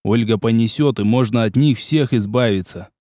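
A man's voice: medium pitch, normal speed, dark tone, dry recording, studio quality, natural voice. A man voicing a cheerful, careless young nobleman. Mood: carefree. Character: carefree, cynical young nobleman.

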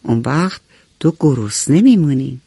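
A woman voicing a patient, gently firm mother in a bedtime storybook, coaxing and explaining. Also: a bass voice, animated, gravelly, breathy edge, no echo, studio quality, voice pushed down, exaggerated voice. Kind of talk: storybook narration.

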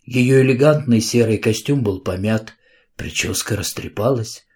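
A man narrating a children's book in a calm, even storytelling manner. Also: on the low side, moderate pace. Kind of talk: audiobook narration.

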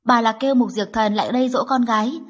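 Casting: a woman narrator with a husky, breathy voice for a steady audiobook reading. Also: on the high side, quick pace.

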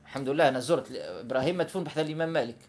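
Fast-talking religious teacher. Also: male voice, mid-range voice. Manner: animated, quick, with recited verses. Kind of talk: informal religious lesson.

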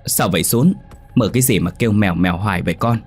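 A man voicing a worried father gently coaxing his son awake, in a spoken horror story. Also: lowish voice, fast talker, slightly rough, soft background music.

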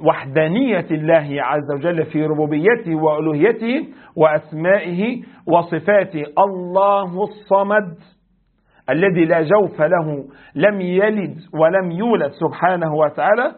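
Egyptian sheikh giving a lesson, highish voice, explains slow and quizzes the class, tinny lo-fi sound. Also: male voice. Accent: Egyptian Arabic. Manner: explains slowly, recites verses, quizzes his class. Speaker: sheikh teaching a creed text. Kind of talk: religious lesson.

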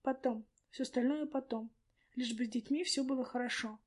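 Woman reading frantic young nanny, high-pitched, pleading, tearful, storybook. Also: fairly even intonation, fairly quick. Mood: anxious inner talk.

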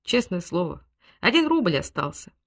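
A woman's voice: on the low side, sing-song, moderate pace, husky, exaggerated voice. A woman doing a sullen, mocking manservant. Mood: gloomy. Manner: gloomy, curt.

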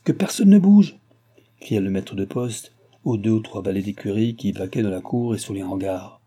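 A man reading a classic novel aloud as an audiobook, in a measured storytelling voice. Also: lowish voice, fairly even intonation, warm tone. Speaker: audiobook narrator. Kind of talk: scripted audiobook narration.

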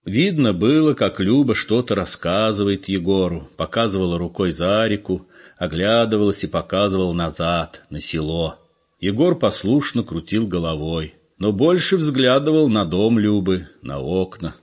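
Lower-voiced male reader, lively intonation, dull lo-fi audiobook. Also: normal speed. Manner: expressive, storytelling. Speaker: narrator. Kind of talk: literary audiobook reading. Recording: dull lo-fi recording.

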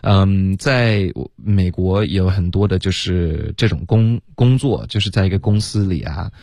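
A man teaching English on a radio lesson, patiently explaining pronunciation step by step and demonstrating sounds slowly. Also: sits low, darkish tone, no echo, clean studio sound. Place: radio studio.

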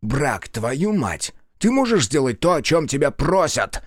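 A man voicing a gruff, short-tempered male general in his seventies who speaks slowly and barks orders in an audiobook. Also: medium pitch, expressive, dry recording, clean studio sound, natural voice. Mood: stern. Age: 70s. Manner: slow, clipped, barking orders.

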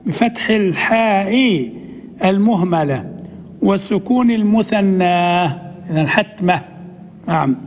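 Male sheikh reading a text aloud then explaining it, highish voice, hall reverb. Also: animated. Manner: reads quoted text slowly, then explains in a conversational aside. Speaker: sheikh teaching hadith commentary. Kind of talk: classical Arabic lesson, reading and explaining a text.

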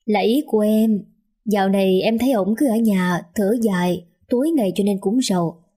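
A woman's voice: mid-range voice, normal speed, mellow, slightly rough, close to an everyday voice. A woman voicing a flustered aunt who coaxingly asks a favor for her husband. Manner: coaxing and pleading.

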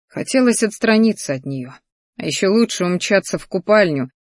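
A narrator reading a first-person fantasy romance audiobook in a measured manner. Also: medium pitch, dry recording, studio quality.

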